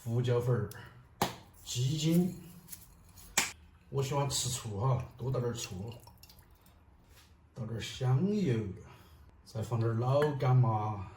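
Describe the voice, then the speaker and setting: A middle-aged man with a Southwestern Mandarin accent gives casual, personal vlog talk. His voice is medium in pitch and comes from a little way off the mic. The room echoes, with noise behind him. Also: takes it slowly, long pauses, a little mellow, recorded from a distance. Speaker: vlogger.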